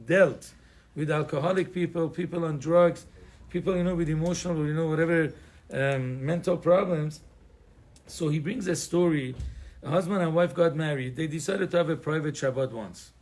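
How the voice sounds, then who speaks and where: Male rabbi from Iran, informal class delivery, digressive and wry, slightly raised pitch. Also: darkish tone. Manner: conversational, digressive, joking asides, frequent fillers. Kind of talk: informal Torah class to a live audience.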